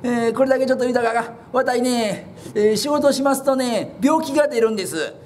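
A man's voice: very high voice, fast, a little hiss or hum. A man performing rakugo, voicing a drowsy, easygoing idle young man who rambles in a Kansai accent. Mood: chatty. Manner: chatty, rambling, sing-song calls. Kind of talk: rakugo storytelling.

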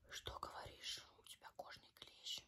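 A woman's voice: normal speed, pushed and bright. A woman in her twenties doing a whispered role-play as a chatty, tactless, self-promoting makeup artist, talking in an offhand, rambling way. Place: small room at home, indoors.

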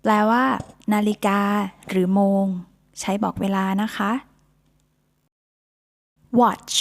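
A woman's voice: medium pitch, steady tone, drawn-out words. A woman with a Thai accent teaching beginner English vocabulary, saying each word three times before she explains it.

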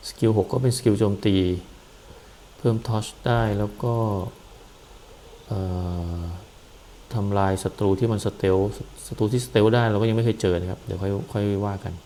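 A man casually explaining a game's character class and skills, relaxed and hesitant, with frequent pauses and fillers. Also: fairly low pitch, slight background noise, poor audio. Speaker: gameplay commentator. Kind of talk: casual game walkthrough.

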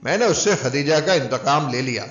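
A man's voice: mid-range voice, expressive, fairly bright tone. A man reading a novel aloud as a dramatic first-person audiobook narrator. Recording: dull roomy recording, faint music.

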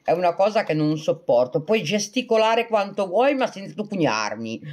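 Speaking at a moderate pace in a medium-pitched, sing-song voice with a darkish tone, this woman runs a laid-back livestream. She's chatty and playful, laughing frequently as she reads viewer comments out loud and responds to each.

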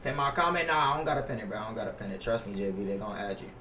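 Talking very fast and expressively, a young man reacts to his basketball video game on a live stream, slangy, profane and complaining. His voice is lowish yet bright, picked up by a distant mic with roomy echo, noise and keyboard clicks.

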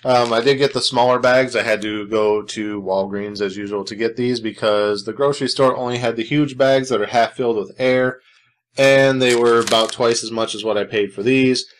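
A man's voice: medium pitch, fairly even intonation, normal speed, a little hiss or hum. A man hosting his own snack review vlog, talking casually with dry sarcasm and rambling asides. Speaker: food reviewer host.

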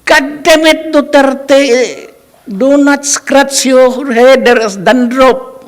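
A man putting on the voice of a strict, mocking older male law professor, high-pitched and drawn out, while retelling a classroom story. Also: fairly even intonation, slow, a little hiss or hum. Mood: scolding.

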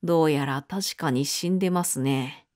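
A woman's voice: sits low, normal speed, a little mellow, lightly acted. A woman reading the lines of a solemn male doctor in a storybook. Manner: grave, solemn.

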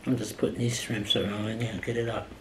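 Middle-aged woman, low-pitched voice, casual mukbang eating chat, talking between bites, echoey room, background noise. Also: little pitch movement, fast. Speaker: mukbang vlogger. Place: small indoor room at a table. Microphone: camera a short distance away on table.

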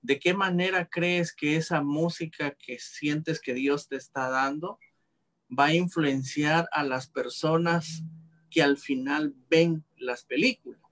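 A man's voice: a little high, steady tone, slow, a bit bright. A man interviewing a guest, phrasing his question carefully with hesitant fillers.

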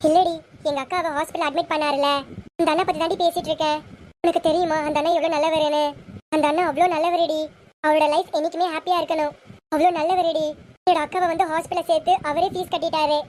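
A high voice, pushed a little lower than her usual, for an earnest young woman full of gratitude. She speaks in an admiring, insistent way in an amateur serial, put on by a woman. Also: little pitch movement, fast, darkish tone, a little hiss or hum.

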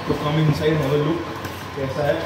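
Touring his college and a gym indoors, a twenty-something fitness vlogger and student jokes casually with his audience. He speaks slowly in a level, slightly high voice, amid heavy background noise, echoing rooms, and music playing.

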